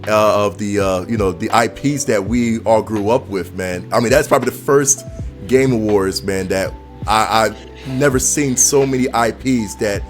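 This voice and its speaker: A man's voice: fairly low pitch, normal speed, faint music behind. A man as a podcast guest in casual chat, talking in a laid-back, slangy way with lots of fillers.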